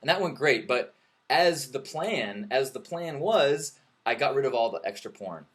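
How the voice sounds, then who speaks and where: A man's voice: mid-range voice, lively intonation, a little slow, fairly bright tone, slightly rough. A man hosting a live webcam stream, chatting casually in a rambling, joking way, often restarting his sentences. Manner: rambling, joking, self-correcting. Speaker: livestream host. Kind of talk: casual livestream chat.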